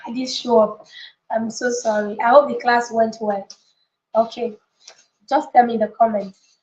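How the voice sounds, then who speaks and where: In an echoey room with slightly dull lo-fi audio, a coach who also leads a book club runs a live session of motivational teaching and casual chat with viewers. She speaks at normal speed in a fairly high, darkish voice with little pitch movement, stressing and repeating key phrases and checking in with her audience.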